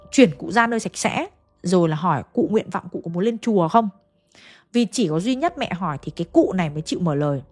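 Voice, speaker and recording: A woman narrating a ghost story in a casual, chatty way, speaking directly to her listeners with folksy asides. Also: medium pitch.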